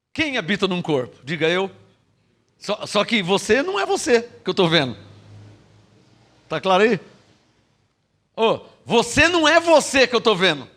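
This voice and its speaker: A man with a Brazilian Portuguese accent preaching a sermon, teaching with rhetorical questions and having the congregation repeat his phrases. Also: high-pitched. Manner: lively, frequent rhetorical questions and laughs.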